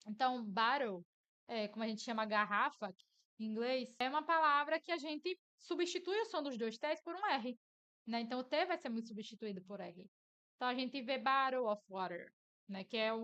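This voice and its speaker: Woman teacher, fairly high voice, casual explainer, slightly dull lo-fi sound. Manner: chatty, explains with many "né?" asides. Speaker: English teacher.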